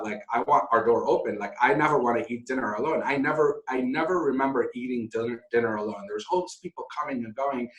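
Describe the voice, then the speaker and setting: A middle-aged man from Syria, speaking as an interview guest in a candid, self-deprecating, passionate way. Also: mid-range voice. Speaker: guest, hotel founder. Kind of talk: conversational interview. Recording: echoey room.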